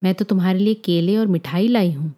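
A gentle, fussing aunt, read by a woman speaks softly and keeps asking questions. Her voice is mellow and relaxed. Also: lowish voice, brisk, close to an everyday voice.

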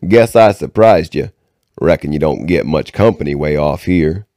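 A man's voice: extremely low pitch, lively intonation, normal speed, mellow, no echo, clean studio sound. A man reading aloud and voicing a heavyset, ragged frontier man who is sly and folksy, with a drawling backwoods way of talking. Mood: sly, friendly.

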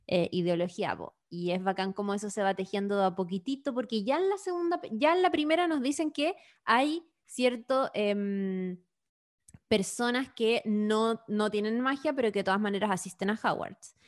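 Brief: Chilean woman, middle-pitched voice, slangy and animated, explains at length in a relaxed chat. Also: normal speed. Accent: Chilean Spanish. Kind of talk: casual chat.

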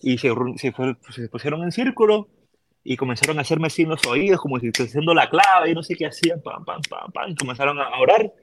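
A middle-aged man from Puerto Rico with a Puerto Rican Spanish accent, telling a personal story as a podcast guest in a casual, animated way and acting out the voices of people in it. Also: fairly high pitch, fast talker, background noise.

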